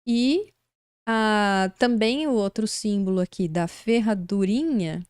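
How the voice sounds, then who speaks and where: A woman's voice: mid-range voice, takes it slowly, darkish tone, clean tone, no room sound, studio quality. A woman from Brazil teaching an online English lesson, explaining words patiently step by step.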